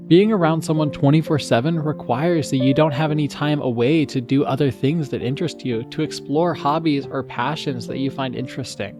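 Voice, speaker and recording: A man giving an earnest film critique commentary, with sarcastic asides. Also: mid-range voice. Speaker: video essayist.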